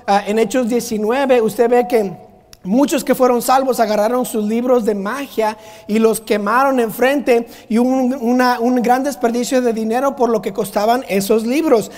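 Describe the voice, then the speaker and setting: A man's voice: very high-pitched, steady tone, normal speed, a little mellow. A male pastor preaching a sermon, emphatic and full of rhetorical questions. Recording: long hall reverb.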